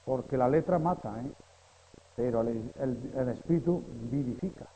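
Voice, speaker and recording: A man preaching a sermon, dropping to hushed pleading and then rising to loud, emphatic outbursts. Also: mid-range voice, moderate pace. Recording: dull, muffled sound with long church reverb and faint hiss.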